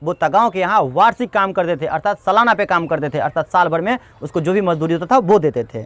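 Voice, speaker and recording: A man's voice: high voice, lively intonation, fast talker, no echo. A male teacher explaining a textbook lesson line by line. He restates each passage in simple words and speaks to the students as friends.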